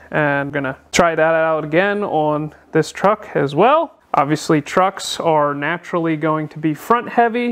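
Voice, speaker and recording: Filming on a handheld camera that also records his voice, a channel host who builds cars gives an easygoing walkthrough of a vehicle project in his indoor workshop. He sounds on the high side and fills his relaxed explanations with lots of filler sounds.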